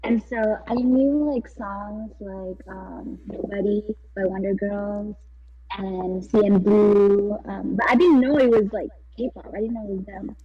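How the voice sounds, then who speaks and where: A woman's voice: medium pitch, steady tone, a little slow, a little hiss or hum. A young woman from Thailand, chatting casually on a podcast and rambling giggly through a story with many fillers. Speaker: podcast co-host. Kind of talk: casual chat. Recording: dull, distant mic.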